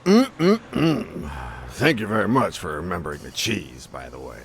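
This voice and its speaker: An actor playing a wry, observant old blind man in a video game, with a gravelly, phlegmy voice and an unhurried manner. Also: deep voice, sing-song, a bit bright, a little hiss or hum, exaggerated voice. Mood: wry, recalling.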